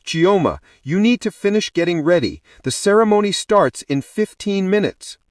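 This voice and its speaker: A man's voice: sits high, expressive, normal speed, no echo, studio quality, voice pushed up. A man doing a nervous, hesitant bridesmaid. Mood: uneasy. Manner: hesitant, uneasy.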